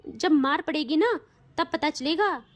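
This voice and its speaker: A woman's voice: high-pitched, lively intonation, measured pace. A woman voicing a sly, teasing young woman in a spoken audio story.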